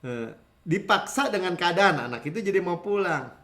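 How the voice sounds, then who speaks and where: A man in his fifties from Indonesia, a pastor giving a lively conversational sermon, telling stories and acting out the people he quotes. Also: high voice, moderate pace, reverberant. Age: 50s. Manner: animated storytelling, acting out quoted voices, frequent chuckles. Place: church sanctuary.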